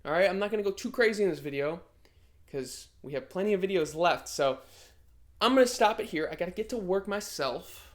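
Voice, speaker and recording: A man's voice: high voice, expressive, fairly quick. Brash motivational man in his thirties. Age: 30s. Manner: brash, motivational, swears freely. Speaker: vlogger. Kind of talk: casual vlog talk.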